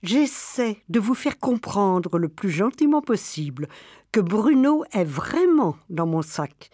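A woman voicing a calm, patient grandmother who speaks gently and at a measured pace. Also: mid-range voice, slightly rough, dry recording, studio quality, exaggerated voice. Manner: gentle, measured, sometimes hushed.

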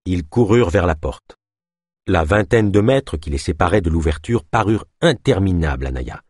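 Audiobook narrator, male: low, husky, very expressive, dry close mic. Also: moderate pace, dry recording.

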